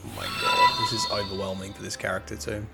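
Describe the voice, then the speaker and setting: A man's voice: lowish voice, monotone, fast talker, gravelly, music in the background. Chatty man reading game lore live. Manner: chatty, trips over hard words. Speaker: live streamer.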